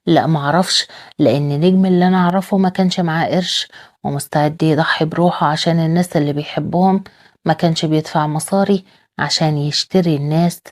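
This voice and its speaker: A woman's voice: sits low, fairly even intonation, quick pace, a little mellow, close to an everyday voice. A woman with an Egyptian accent reading the lines of a bitter, defiant young mother. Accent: Egyptian Arabic.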